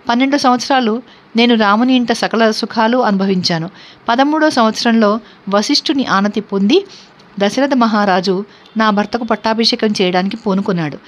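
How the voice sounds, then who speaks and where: A woman voicing a grieving, devoted young princess held captive, in a scripture reading, with steady, earnest recitation and a dull lo-fi sound. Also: on the high side, close to an everyday voice. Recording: dull lo-fi recording.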